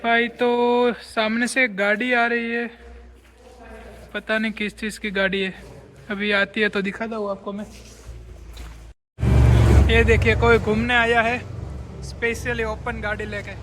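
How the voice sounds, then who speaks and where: A man's voice: high voice, little pitch movement, unhurried, pauses often, background noise. A man vlogging casually as he walks through a long rock tunnel, talking to viewers, his voice ringing with heavy cave echo. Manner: chatty, talks to viewers while walking. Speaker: travel vlogger. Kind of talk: casual walking travel vlog.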